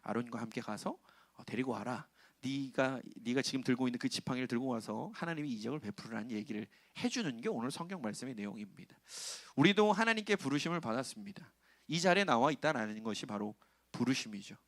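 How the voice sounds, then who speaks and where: A man's voice: mid-range voice, lively intonation, fast, no echo. A middle-aged man preaching to young adults, conversational, often questioning the congregation and acting out quoted lines. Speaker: pastor.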